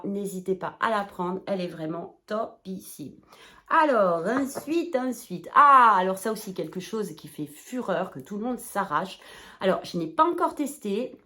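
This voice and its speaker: Bubbly, rambling woman vlogger. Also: mid-range voice. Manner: bubbly, rambling, excitable with playful exclamations; talks straight to viewers, chatty and informal. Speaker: shopping haul vlogger. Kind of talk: casual haul video chat.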